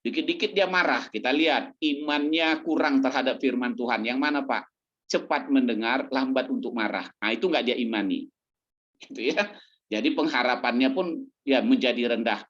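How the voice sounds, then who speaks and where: A man's voice: mid-range voice, normal speed, fairly bright tone, muffled recording. A man preaching a sermon as pastor, in a conversational, humorous way, often posing questions and then answering them himself.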